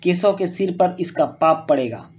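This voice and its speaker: A man's voice: sits high, lively intonation, moderate pace, darkish tone. A man reading out the lines of a middle-aged mother who scolds her son, in a muffled lo-fi recording. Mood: scolding.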